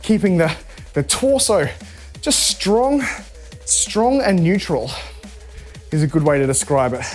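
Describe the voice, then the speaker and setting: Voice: medium pitch, lively intonation, slow, darkish tone, faint music behind. An instructor coaching a live home workout, chatty and encouraging while demonstrating the moves. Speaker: fitness instructor.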